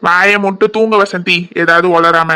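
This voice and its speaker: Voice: mid-range voice, steady tone, normal speed, heavy background noise, lightly acted. A grumpy husband in a cartoon, voiced by a performer, roused from sleep and muttering complaints. He scolds his wife in a worn-out, grumbling tone. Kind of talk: cartoon voice acting.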